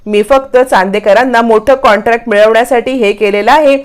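A woman's voice: on the high side, brisk, smooth, close to an everyday voice. A woman voicing an earnest young wife who explains herself in a defensive, sincere way.

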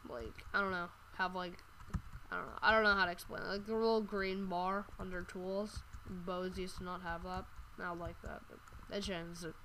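A woman's voice: on the low side, flat delivery, normal speed, pushed and bright, slight background noise, poor audio. A woman giving casual let's-play commentary, groggy from just waking up, rambling and offhand with casual swearing. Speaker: gameplay commentator.

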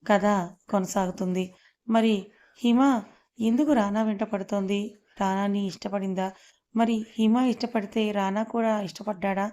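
A woman narrating a first-person story in an unhurried, even reading style. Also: medium pitch.

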